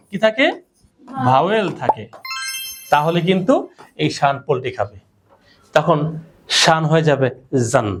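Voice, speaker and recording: A woman teacher giving a classroom pronunciation lesson, quizzing her students with repeated questions. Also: medium pitch. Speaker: English teacher.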